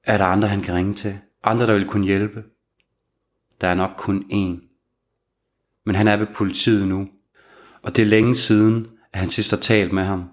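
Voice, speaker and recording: A man narrating a thriller audiobook in a steady, measured way. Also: fairly low pitch.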